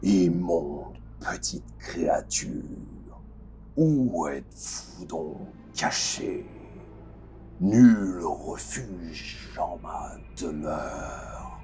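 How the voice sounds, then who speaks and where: A man voicing an ancient, tyrannical godlike guardian of an underground city in a tabletop game, deep, cavernous, menacing and grandiloquent. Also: animated, mellow, a little hiss or hum, heavily acted. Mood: imperious, threatening. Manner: slow, menacing, imperious, grandiloquent. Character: ancient vast tyrannical underworld guardian, self-proclaimed mountain emperor. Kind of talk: deep echoing underworld god, dramatic monologue. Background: music.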